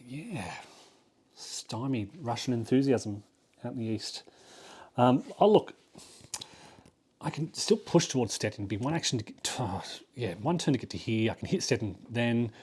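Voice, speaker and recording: A man of average pitch talks through a solo board game playthrough, thinking aloud as he counts spaces and weighs each move. His delivery is loose and conversational, full of ums and small self-corrections. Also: darkish tone, slightly rough.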